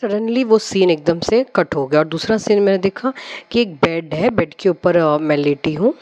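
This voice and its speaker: A woman's voice: fairly low pitch, expressive, moderate pace, a little mellow, no room sound, lo-fi sound. A woman on a devotional channel casually retelling a dream, rambling, with many fillers and English words mixed in.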